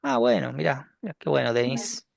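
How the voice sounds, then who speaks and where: A man with a Rioplatense Spanish accent teaching a university class over a video call. His voice has a gravelly edge and sounds dry and close. He talks in a relaxed, joking way, restarting phrases and ending them with tag questions. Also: medium pitch, normal speed, no room sound. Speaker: university lecturer. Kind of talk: online class lecture.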